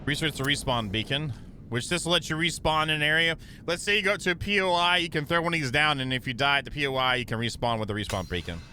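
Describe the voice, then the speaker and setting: A man's voice: a little high, fast, slight background noise. A man streaming a video game, chatting playfully and joking with his viewers. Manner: playful, jokey, animated. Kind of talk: casual gaming commentary.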